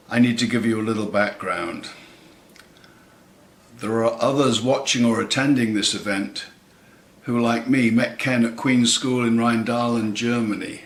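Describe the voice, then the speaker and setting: Slow, wry man in his seventies. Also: fairly low pitch, a bit bright. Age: 70s. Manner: wry, dry tongue-in-cheek humour; measured delivery with deliberate pauses. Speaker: eulogist, lifelong friend of the deceased. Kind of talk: scripted spoken eulogy. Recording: roomy, echoing sound.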